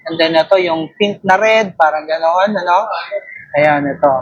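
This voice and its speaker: A man with a Filipino accent casually narrating a walk through a watch store, slow and relaxed, often ending lines with "no?". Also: on the high side, breathy edge, lo-fi sound. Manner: slow, relaxed, filler-heavy, tags lines with "no?". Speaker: vlogger touring a watch shop.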